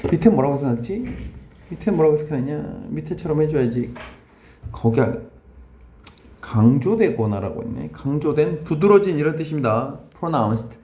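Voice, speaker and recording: A man teaching an English grammar lesson in a classroom, quizzing his students in a brisk way and switching between Korean and English. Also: on the high side, lively intonation, warm tone, reverberant.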